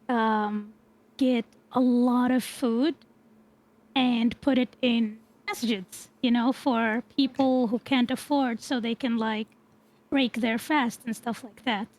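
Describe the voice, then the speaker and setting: A woman guest on a casual podcast, speaking hesitantly with many pauses and fillers. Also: on the high side, fairly even intonation.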